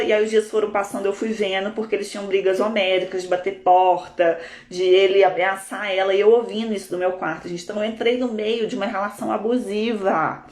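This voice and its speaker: A Brazilian woman, a coach, telling a story in a live session in a lively, expressive way. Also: mid-range voice. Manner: animated, expressive, laughs often. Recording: roomy echo.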